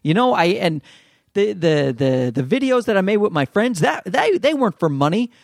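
High-pitched Newfoundland man, rambling podcast host. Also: very animated, normal speed, gravelly, no echo, clean studio sound. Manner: rambling, self-deprecating, sweary. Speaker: podcast host and amateur comedian. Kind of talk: casual solo podcast rant.

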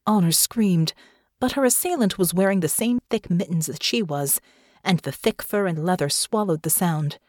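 A woman narrating an audiobook in a measured storytelling manner on a close mic. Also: lowish voice, darkish tone, no room sound. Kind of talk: scripted narration.

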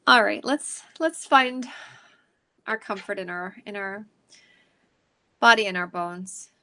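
Woman meditation guide, soothing and unhurried, with a gravelly voice. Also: mid-range voice. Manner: slow, calm and soothing, with pauses between phrases.

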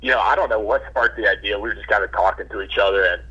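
A man's voice: lowish voice, racing, sharp tone, breathy edge. A young man, a college football player, giving easygoing, casual interview answers over the phone and saying "you know" a lot. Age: young adult. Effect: heard over the phone. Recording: muffled phone line.

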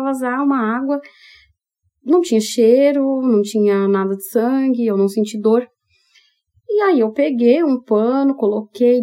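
A Brazilian woman hosts a podcast and tells a personal story in a candid, expressive monologue. She talks straight to her listeners. Her voice sits a little high and has a warm, mellow tone. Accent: Brazilian Portuguese. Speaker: podcast host.

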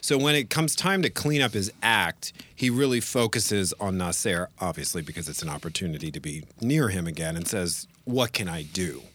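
A man co-hosting a casual podcast chat, an animated storyteller who jumps up in pitch to act out quotes. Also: moderate pace, hardly any pauses. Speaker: podcast co-host and audiobook narrator.

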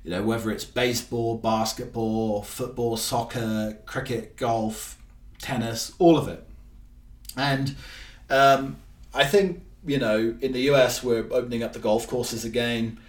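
A man hosting a casual solo podcast, rambling along with frequent ums and restarts. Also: medium pitch. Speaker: podcast host. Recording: roomy, from a distance.

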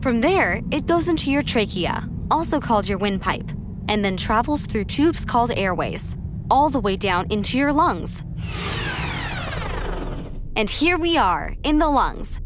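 A woman playing a confident, helpful medical superhero, giving clear instructive narration in an educational cartoon. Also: fairly high pitch, big pitch swings, measured pace, background noise. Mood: explaining.

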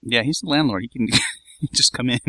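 A man's voice: mid-range voice, moderate pace, sharp tone, dry recording. A man in casual chat who teases his co-host wryly and laughs often, heard over an internet call. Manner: wry, teasing listener who laughs often. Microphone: internet call audio.

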